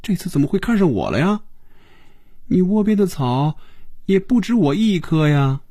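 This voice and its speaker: A man voicing a teasing, sharp-tongued young woman in an audiobook, mocking and needling as he reads her lines. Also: high voice, very animated, normal speed, husky, no echo, studio quality, pitched above the performer's own voice, exaggerated voice.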